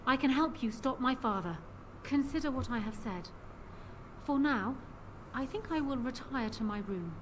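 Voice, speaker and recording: A woman voices a young fantasy-game queen in a high, lively tone at a moderate pace, sounding proud, scheming, and firmly in command as she speaks formally. Background noise is clearly audible in the game audio.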